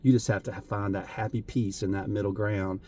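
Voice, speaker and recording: A man talking earnestly and emotionally to camera as a vlogger, halting, with many fillers and restarts. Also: on the low side, fairly even intonation, warm tone, breathy edge. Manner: emotional, voice wavering at times. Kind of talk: heartfelt unscripted talk to camera.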